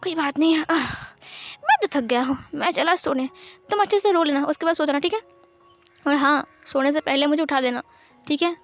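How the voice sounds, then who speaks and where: A woman's voice: high-pitched, brisk, faint music behind. A woman voicing a teasing, possessive young husband in a storybook fan-fiction reading, bossy one moment and doting the next.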